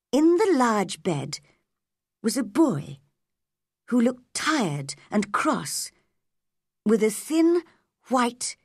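A woman reads a simple story aloud for English learners, slowly and distinctly, her voice moving up and down with lively expression. The recording is close and dry, with no room sound. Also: medium pitch, dry recording. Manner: slow, clear, expressive reading. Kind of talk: scripted narration for English learners.

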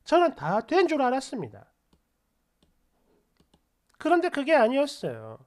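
A woman's voice: high voice, huge pitch swings, measured pace, darkish tone. A woman narrating a first-person story in a confiding, frustrated tone.

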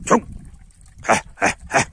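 A man's voice: slow pace, pushed and bright, a little hiss or hum. A man chatting casually to viewers while calling and praising his dogs in the countryside, coaxing them over and over. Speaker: dog owner vlogger. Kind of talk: casual vlog narration while handling dogs. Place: outdoors in rural countryside.

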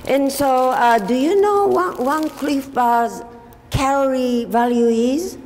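Older woman speaking slowly in an echoey hall. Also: high-pitched, a little mellow. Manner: halting, with many restarts and fillers. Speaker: forum speaker. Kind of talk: casual slide talk to an audience. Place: meeting hall. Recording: echoey hall, faint background noise.

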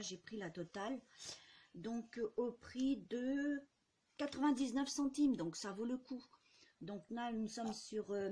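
A woman talks through her shopping haul in a loose, chatty vlog style, pausing often on fillers and stumbling over product names. Her voice sits at an ordinary middle pitch, with a faint noise in the background. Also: a little mellow. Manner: chatty, hesitant, many fillers; unsure when pronouncing product names. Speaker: vlogger.

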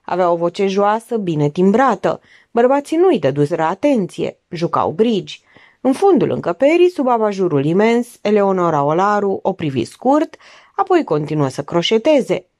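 A woman's voice: sing-song, a little mellow, no room sound, clean studio sound. A woman narrating an audiobook expressively, changing her voice to act out the characters. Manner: acts out characters with big pitch jumps. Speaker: audiobook reader.

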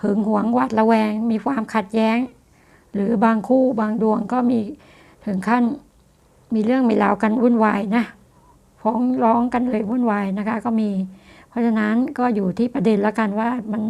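A woman astrologer talking her way through a horoscope reading in a loose, repetitive monologue, softening her sentences with polite particles. Her voice sits a little high and carries a steady gravelly fry. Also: moderate pace. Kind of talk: fortune-telling monologue.

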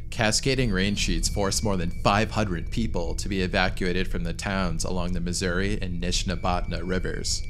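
Male narrator, very low voice, serious measured read of a true story, soft music underneath. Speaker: channel narrator. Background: faint background music.

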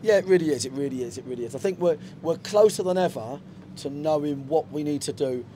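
A middle-aged football manager talks fast in a mellow, fairly high-pitched voice during a frank post-match interview in a stadium dugout. His speech is peppered with fillers and restarts, and the handheld reporter mic carries a little hiss or hum.

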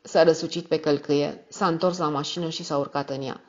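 Low-voiced woman, calm audiobook narration, dull lo-fi sound.

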